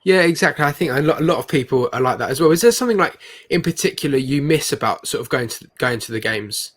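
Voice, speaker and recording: A man's voice: a little high, lively intonation, fast. A man hosting an interview, asking casual questions and stumbling over the starts of his words. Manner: stammers and restarts his words. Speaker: podcast host.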